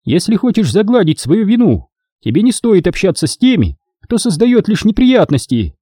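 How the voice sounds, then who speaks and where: A man's voice: sits high, very animated, normal speed, mellow, slightly rough, no room sound, clean studio sound, voice pushed up, full character voice. A man voicing a strict, prim female warden who scolds sharply with a falsely sweet manner. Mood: stern.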